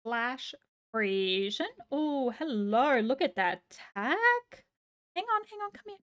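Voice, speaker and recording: A woman live streamer with a high, somewhat hoarse voice chats casually and gushes as she greets viewers and reads chat. She's bubbly, takes it slowly, and her pitch swings widely.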